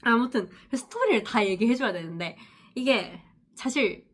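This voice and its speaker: A woman's voice: on the high side, expressive, normal speed. A woman chats to the camera in a casual vlog about her work as a nurse. She tells long stories, laughs often and acts out the people she quotes. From Busan, South Korea. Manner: chatty storytelling, laughing often, acting out quotes. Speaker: nurse vlogger. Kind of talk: casual talking-head vlog.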